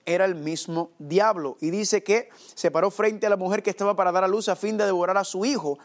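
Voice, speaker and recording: A man with a high-pitched voice delivers a teaching sermon. He speaks to his listeners as family and keeps checking in with rhetorical questions. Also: steady tone, fairly quick. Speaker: preacher. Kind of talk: sermon, Bible study teaching.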